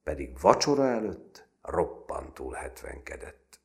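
A man narrating a literary novel as an audiobook, measured and expressive. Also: rumbling low, vocal fry. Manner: measured and expressive, voices characters.

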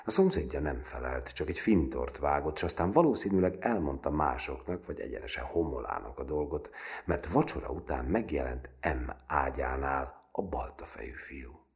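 A man narrating a literary novel as an audiobook, measured and expressive. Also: rumbling low. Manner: measured and expressive, voices characters.

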